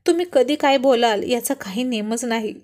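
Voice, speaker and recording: A woman voicing a shy, affectionate young wife who gently scolds her husband, in a story read aloud. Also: on the high side, normal speed, lightly acted. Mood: shy scolding. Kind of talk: storybook reading.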